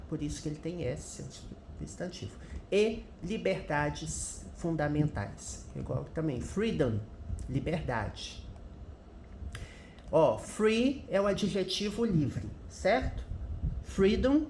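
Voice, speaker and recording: Woman teacher, unhurried, explains patiently, roomy recording. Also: fairly low pitch, darkish tone, slight background noise. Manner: patient, explanatory, translating word by word. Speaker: English teacher. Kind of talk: commented reading of a news article. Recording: echoey room.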